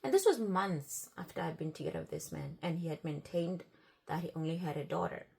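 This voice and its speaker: Husky, gravelly woman telling a story. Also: sits low, lively intonation, fairly quick, dark tone. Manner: chatty, retells conversations with "I'm like" and "he's like"; repeats and restarts phrases as she talks. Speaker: vlogger telling a personal story. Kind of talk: casual storytime.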